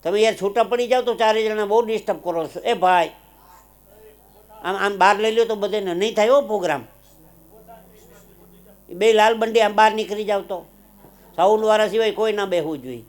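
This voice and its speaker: A man telling comic stories on stage at a live show, and acting out the characters in his jokes in loud, high voices. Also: a little fast, pauses often. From Gujarat, India. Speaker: comedian. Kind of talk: live stand-up storytelling.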